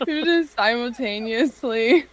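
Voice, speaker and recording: A woman co-hosting a comedy podcast with a somewhat high voice, speaking slowly. She trades crude jokes at an unhurried pace, filling her lines with "like". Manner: unhurried, crude joking with many "like"s. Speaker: podcast co-host. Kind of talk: casual comedic chat.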